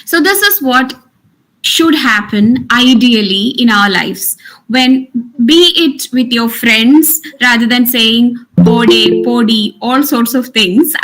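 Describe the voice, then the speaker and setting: A woman's voice: fairly high pitch, sharp tone, poor audio. A woman teaching an online workshop, instructive, restating her points for emphasis. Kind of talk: interactive lecture.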